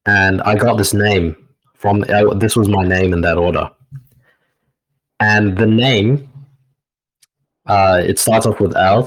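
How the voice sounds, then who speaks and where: A man, a meditation teacher answering interview questions in a slow, reflective way with frequent pauses. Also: lowish voice, rough recording. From New Zealand. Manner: slow, reflective, pausing often with "uh".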